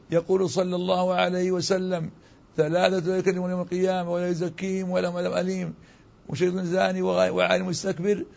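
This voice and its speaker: High-voiced, creaky older male religious scholar. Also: a little mellow. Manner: halting, repeats and restarts phrases. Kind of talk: religious ruling with quoted scripture. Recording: dull lo-fi broadcast audio.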